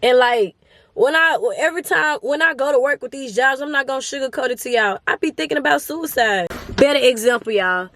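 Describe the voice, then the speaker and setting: A woman in her 20s speaks earnestly and emotionally to her viewers in a casual motivational vlog to camera. Her voice sits high and is a bit bright, her delivery brisk, with no room sound.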